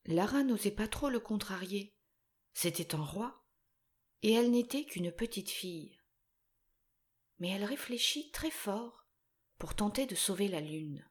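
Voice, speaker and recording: A woman reading a storybook aloud in a gentle, careful way. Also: mid-range voice, lively intonation, a little slow, pauses often. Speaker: narrator.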